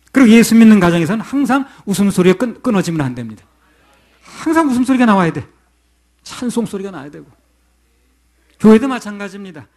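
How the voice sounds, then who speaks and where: Korean pastor guy preaching, talks quick, kinda high voice, keeps asking the room stuff. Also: darkish tone. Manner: conversational preaching, asks the congregation questions. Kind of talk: sermon.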